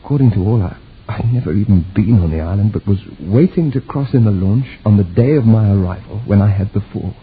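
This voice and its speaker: Husky, haunted man narrating on tinny radio. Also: lowish voice, lively intonation, a little fast. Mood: haunted, questioning. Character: haunted, troubled nephew recounting his strange tale. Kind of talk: dramatic first-person radio narration. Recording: tinny, narrow-band old radio recording.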